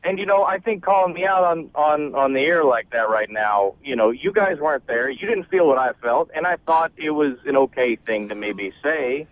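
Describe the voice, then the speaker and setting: A man on a dull, muffled phone line, his voice a bit higher than usual for a man. He stammers through defensive excuses and keeps backpedaling. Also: animated, moderate pace, few pauses, no room sound. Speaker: caller.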